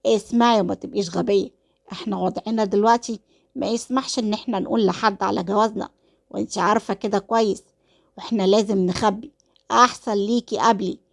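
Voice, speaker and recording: A woman's voice: mid-range voice, fairly even intonation, quick pace, creaky, close to an everyday voice. A woman voicing a cold, manipulative husband with an Egyptian accent, talking in a cool, dismissive way. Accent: Egyptian Arabic.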